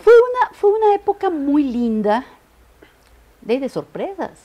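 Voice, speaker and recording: An older Mexican woman, her Mexican Spanish accent softened by Costa Rican usage, is an interview guest reminiscing in conversation. Her voice is high and unhurried, lo-fi, as she animatedly tells stories and acts out little dialogues, often restarting, in an indoor studio set styled like a living room.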